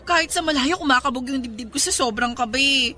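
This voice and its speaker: In a radio drama, a woman with a Filipino accent plays a cheeky young photography student who is smitten and giddy. Her voice is high and brisk, and she's expressive, stammering whenever she gets flustered.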